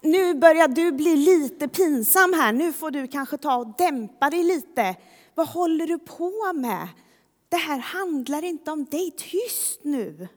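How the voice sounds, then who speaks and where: A woman's voice: high-pitched, very animated, a little mellow, in a large hall, voice pushed up. A woman voicing an irritated, scolding crowd. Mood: irritated shushing. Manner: scolding, impatient. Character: irritated crowd hushing a beggar.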